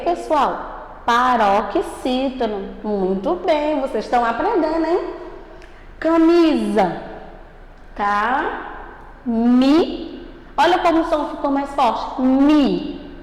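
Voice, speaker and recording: Slow, high-voiced teacher in an echoey room. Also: female voice. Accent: Brazilian Portuguese. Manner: slow, emphatic, stretches out syllables; asks questions and answers them for the class. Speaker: primary school teacher. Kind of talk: recorded remote grammar lesson for children. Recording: echoey room with long reverb.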